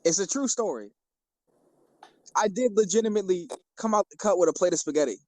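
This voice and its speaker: A man's voice: high-pitched, animated, fairly quick, a little mellow, no room sound, low-quality recording. A young man, a guest on a casual podcast, talking in a laid-back, slangy way. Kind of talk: casual joking chat.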